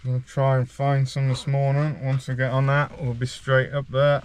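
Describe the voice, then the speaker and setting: A man's voice: medium pitch, completely flat delivery, moderate pace, faint music behind. A man talking casually as a vlogger, rambling a little, with wry, self-deprecating understatement. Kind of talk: casual chat to camera.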